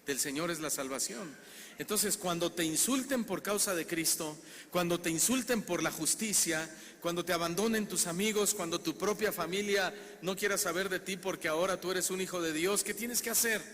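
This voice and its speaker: Mexican pastor preaching in a reverberant hall. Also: male voice, sits high, normal speed. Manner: animated storyteller, asks the congregation questions. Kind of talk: sermon. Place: church hall. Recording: reverberant hall, faint background noise.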